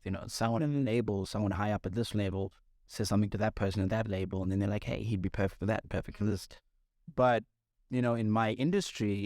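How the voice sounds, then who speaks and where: Easygoing young man, low voice. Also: a little mellow, no echo, studio quality. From Zimbabwe, raised in Johannesburg. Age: 20s. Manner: easygoing, filler-heavy talk. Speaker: guest music producer. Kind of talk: casual panel chat.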